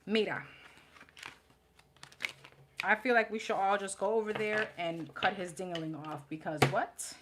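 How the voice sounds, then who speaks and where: Brief: woman, New York accent, live tarot reader, blunt and sassy, mid pitch, audible background noise. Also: steady tone, brisk, few pauses. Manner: blunt, sassy, laughing and chatty.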